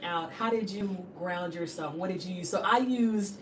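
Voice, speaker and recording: A woman's voice: fairly low pitch, normal speed. Echoey, distant woman speaking with emphatic repetition. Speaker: host. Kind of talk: conversational personal testimony and questioning. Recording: echoey room, distant mic, noisy background.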